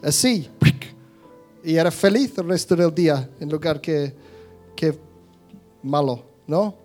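A man with a notably high voice gives a relaxed, chatty talk to his listeners. He stumbles and restarts often and acts out small scenes as he goes. Faint music plays underneath. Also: slow. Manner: conversational, many restarts, acts out little scenes. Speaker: speaker giving a talk on thoughts and emotions. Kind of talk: casual spoken talk to an audience.

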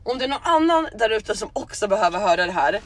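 A woman's voice: mid-range voice, big pitch swings, no room sound. A young woman co-hosting a podcast, chatty and frank, often agreeing with her co-host. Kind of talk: casual chat.

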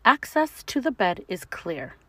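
A woman's voice: medium pitch, sing-song, a little slow, a bit bright, slightly rough, dry recording, full character voice. A woman voicing a stern, bossy male monster teacher who gives rules in a formal, instructive way. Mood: instructing.

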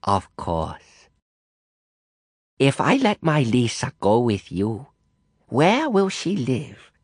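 A male narrator voicing a theatrical, sweetly threatening woman who runs a brothel, speaking slowly. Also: medium pitch, huge pitch swings, slightly rough, no echo, studio quality, full character voice. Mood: probing. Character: menacing, silky woman brothel madam.

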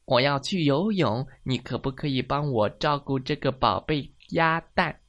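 A woman's voice: a bass voice, expressive, measured pace, muffled recording. A woman voicing a courteous duck parent who asks after its egg in a storybook reading. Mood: polite. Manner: courteous, eager. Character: polite duck parent, big feet.

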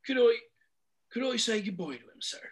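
A man's voice: extremely high pitch, lively intonation, fairly quick, voice pushed up. Hagrid, a man doing a tearful shaggy giant. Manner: tearful, stammering, rustic speech. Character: big shaggy soft-hearted male giant groundskeeper. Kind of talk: amateur audiobook reading.

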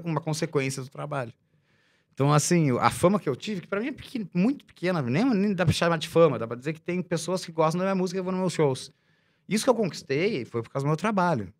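A man, a musician guest in a casual chat, talking in an animated, slangy, emphatic way. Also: on the high side, quick pace.

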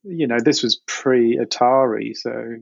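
A middle-aged man with an Essex accent talks through his memories in an informal interview. His pitch is average and he halts now and then to think aloud. The sound is very dry and a little muffled. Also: slow pace, creaky, breathy edge, no echo. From Essex, England. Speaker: interview guest, game industry producer. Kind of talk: casual personal recollection.

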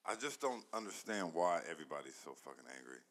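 A man co-hosting a casual podcast chat, laid-back, slangy and quick to agree. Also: low-pitched, sing-song, a bit bright.

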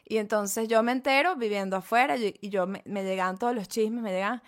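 A woman co-hosting a podcast, telling stories in an animated way and laughing often. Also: medium pitch, brisk. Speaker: podcast co-host. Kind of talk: casual chat.

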